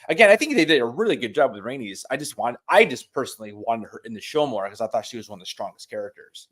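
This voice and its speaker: A man's voice: mid-range voice, animated, quick pace. A man hosting a live TV review, thinking aloud tentatively in casual chat.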